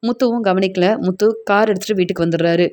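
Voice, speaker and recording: A woman's voice: medium pitch, quick pace, darkish tone. A woman retelling a TV serial episode, narrating the scenes and speaking each character's lines herself.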